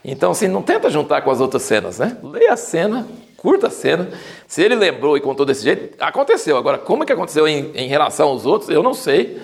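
A man giving an informal Bible study talk, telling the stories with animated acted-out quotes. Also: fairly high pitch, quick pace, gravelly. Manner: lively storytelling, acting out quoted lines. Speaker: Bible teacher.

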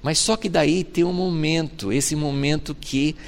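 A male pastor giving a sermon, expressive, moving between hushed reflection and emphatic passages. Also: on the high side, measured pace, vocal fry.

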